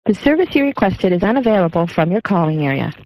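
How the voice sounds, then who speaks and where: A woman's voice: fairly low pitch, sing-song, quick pace, low-quality recording. A woman's recorded phone message, a repetitive automated carrier announcement. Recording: loud line noise on a phone message.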